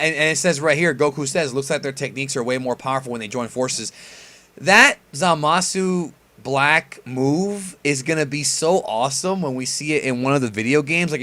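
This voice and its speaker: Reacting to an anime preview as a video host, a man chats like a fan, loose and informal, tossing in mildly profane slang. He has a medium-pitched voice with a sharp tone.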